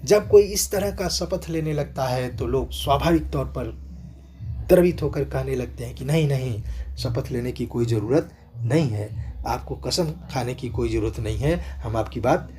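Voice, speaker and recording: A man explaining a classic poem, line by line, in a measured way of talking with short phrases. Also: mid-range voice, mellow, slight background noise. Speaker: literature teacher.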